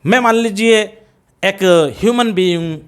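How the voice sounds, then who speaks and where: Middle-aged Indian-accented male teacher, high voice, very measured classroom delivery. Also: a bit bright, clear, resonant tone. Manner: slow, deliberate drilling of example sentences; switches between Hindi and English. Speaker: English teacher. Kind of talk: classroom grammar lecture.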